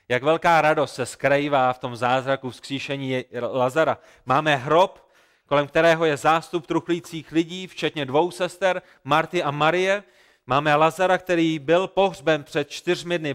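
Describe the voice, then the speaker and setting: A man's voice: a little high, smooth. A man preaching a sermon, retelling a scripture story with earnest, emphatic repetition. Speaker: pastor.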